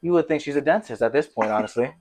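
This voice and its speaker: A man from Connecticut hosting his podcast, chatting casually with lots of laughter and shout-outs. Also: medium pitch, racing. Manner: playful, hyped, laughs a lot, shout-outs. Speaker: podcast host. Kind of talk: casual chat.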